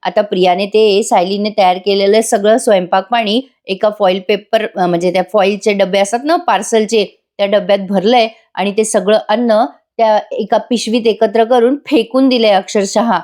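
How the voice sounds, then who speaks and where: A woman's voice: medium pitch, steady tone, moderate pace, few pauses, a little mellow. A woman giving a chatty voice-over recap of a TV serial episode, talking directly to her viewers. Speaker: serial reviewer.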